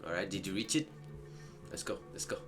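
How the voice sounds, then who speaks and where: A gaming content creator plays through a visual novel, his low voice lively in intonation and fairly quick. He chats casually, reacting aloud to the story and posing questions, while game music plays behind him.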